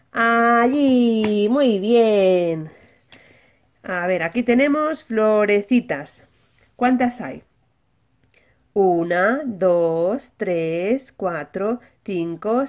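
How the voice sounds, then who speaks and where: A woman's voice: on the high side, darkish tone, muffled recording. A woman with an accent from Spain hosting a simple children's lesson, talking as if to small children, with questions she answers herself. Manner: child-directed, asks questions and answers them. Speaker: host of a children's toy channel.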